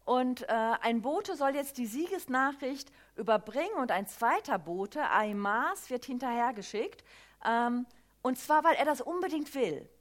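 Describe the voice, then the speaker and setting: A woman preaching a sermon, retelling a Bible story in a lively, emphatic way with many small fillers. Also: high-pitched, a little slow.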